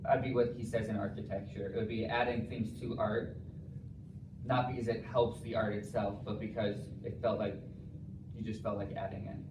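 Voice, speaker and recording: A man's voice: fairly low pitch, level tone, moderate pace. Echoey, distant young man hedging through answers. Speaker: student defending a thesis. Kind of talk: answering examiners' questions at a thesis defense. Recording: echoey room, distant mic, clear noise.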